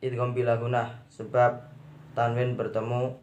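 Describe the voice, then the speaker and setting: A man talks through recitation rules at a slow, deliberate pace, naming each rule in turn. His voice sits at an ordinary middle pitch. The room gives a noticeable roomy echo. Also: completely flat delivery, a little mellow. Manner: melodic chanted recitation, high and drawn out. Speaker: student reciting for a placement test. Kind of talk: Quran recitation with tajwid explanation.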